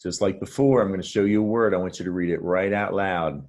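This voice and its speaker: A man's voice: low voice, fast talker, darkish tone. A man teaching a reading lesson, patient and encouraging as he explains words step by step. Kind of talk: friendly reading lesson to camera.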